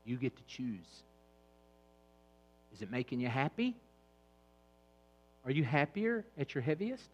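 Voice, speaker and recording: A middle-aged man giving a humorous, animated church talk on eating habits, swinging between quiet asides and loud bursts. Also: medium pitch, a little slow, long pauses, highs cut off. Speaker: fitness trainer speaking at church. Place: church hall.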